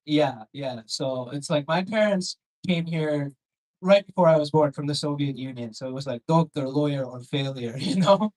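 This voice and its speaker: Pitched a bit above most men, this Canadian stand-up's voice has a darkish tone and moderate pace. He rambles conversationally with sardonic edges, swears, and does crowd work by questioning the audience on a comedy club stage, captured in a low-quality recording.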